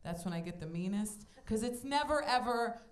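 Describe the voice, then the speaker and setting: A woman in her twenties performing a stand-up comedy set on a club stage, playful and animated, acting out voices in her quotes. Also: mid-range voice, moderate pace. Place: comedy club stage before a live audience. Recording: echoey club room with audience noise.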